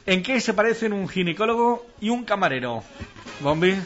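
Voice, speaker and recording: A man's voice: high voice, lively intonation, moderate pace, a bit bright, soft background music. Playful man swapping jokes, lo-fi sound. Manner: playful, bantering, acts out joke voices. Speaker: co-host telling jokes. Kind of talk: casual joke-telling contest.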